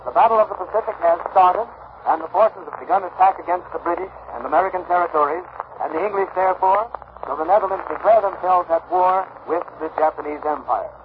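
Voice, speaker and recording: A man's voice: sits high, quick pace. Man reading an old-time radio news bulletin. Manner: crisp urgent announcer reading. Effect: old-time radio news broadcast sound. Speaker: newscaster. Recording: tinny noisy 1940s radio broadcast.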